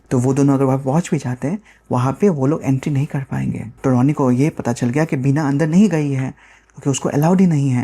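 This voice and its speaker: Casting note: lively storyteller, rushing and repeating phrases, casual spoken tale. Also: medium pitch, husky. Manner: quick, animated, repetitive.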